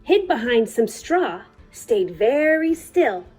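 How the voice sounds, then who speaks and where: A woman reading a picture book aloud for children at storytime, with measured, deliberate phrasing. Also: a little high, big pitch swings, a little mellow, husky, soft background music.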